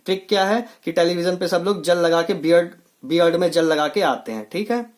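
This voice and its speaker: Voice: medium pitch, brisk. Patient coaching teacher, call-and-response drill, repeats answers. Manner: asks rhetorical questions and answers them, repeating key words; plain, patient explaining in simple steps. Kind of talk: online coaching lesson.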